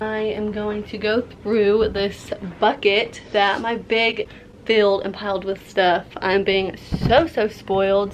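A woman's voice: mid-range voice, a little hiss or hum. A young woman chatting casually in a bubbly, gushing sorority-girl manner as she shows things to the camera in a vlog. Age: young adult. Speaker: vlogger. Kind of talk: casual unboxing vlog chat. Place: small dorm room, indoors. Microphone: camera at about arm's length.

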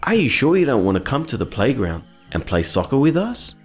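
Lively, kind cartoon mentor. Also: male voice, medium pitch, brisk, over music. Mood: caring. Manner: earnest, encouraging, instructive. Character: kind, wise male cartoon friend who guides children. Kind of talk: children's educational cartoon acting.

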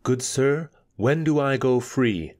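A man voicing a proud, clever young swordswoman who speaks in short, clipped, quietly defiant lines. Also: medium pitch, slow, voice pushed up, lightly acted. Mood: cool defiance.

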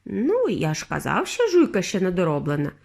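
A woman voicing an eccentric male candy maker who sighs and sounds apologetic, pitched lower than her narration. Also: very animated, moderate pace. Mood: sighing.

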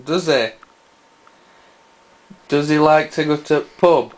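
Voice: medium pitch, takes it slowly, a little hiss or hum. An adult with a Yorkshire accent in a casual chat with a small child, asking simple questions and echoing the answers. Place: small bedroom indoors. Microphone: camera mic, speaker off camera.

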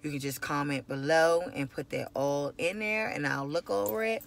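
Gravelly-voiced woman vlogging in a car. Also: sits low, moderate pace. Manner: loose, rambling, repeats herself. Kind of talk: casual chat to camera. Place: inside a parked car at night. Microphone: phone camera at arm's length.

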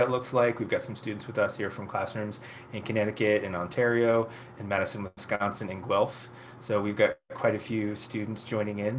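A man in his thirties hosting a casual virtual event, chatty and encouraging as he passes on audience questions. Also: fairly low pitch. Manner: chatty, encouraging, hedging asides. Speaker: host moderating audience questions. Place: indoors at home, on a video call. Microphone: wireless earbuds. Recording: light background noise on video call.

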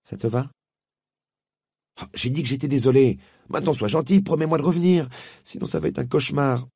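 A man's voice: medium pitch, brisk, creaky, mellow, breathy edge, dry recording, clean studio sound, voice pushed up. A man doing an anxious young boy. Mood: pleading. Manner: pleading, defensive. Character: anxious young boy, worried for his mother.

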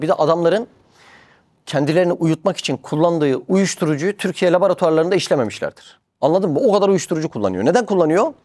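A man giving a religious talk, telling stories with lively acted-out voices and repeated exclamations. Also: high voice. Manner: animated storytelling, acts out voices, repeats "Allah Allah". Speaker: preacher.

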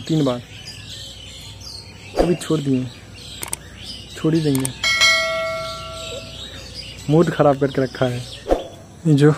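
A man's voice: a little high, background noise. A young man from Bihar, India, talking casually to his phone at arm's length outdoors, chatty and complaining as he explains things step by step. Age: young adult. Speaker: village vlogger. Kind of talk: casual vlog to camera. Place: outdoors at a building site and rice fields. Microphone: phone held at arm's length.

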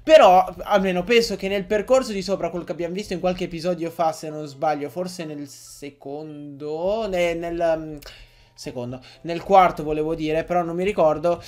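Excitable young man, high voice. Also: normal speed. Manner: excitable, swears and jokes with viewers. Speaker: gaming YouTuber. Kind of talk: Let's Play commentary.

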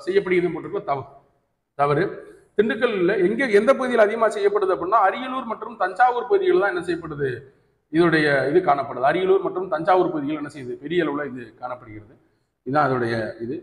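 A man with a Tamil accent teaching an exam coaching class, who keeps asking his students "right?" and mixes English terms into his speech. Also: sits high. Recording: echoey hall recording.

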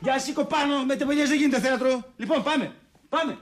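An actor playing a fussy theatre coach who gives bossy, coaxing directions. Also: male voice, very high voice, fairly even intonation, noisy background. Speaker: actor in a TV comedy series.

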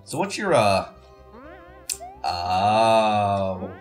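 Game-stream host: congested man, slow-paced, rambling coach. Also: lowish voice, very animated, faint music behind. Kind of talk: casual gameplay commentary.

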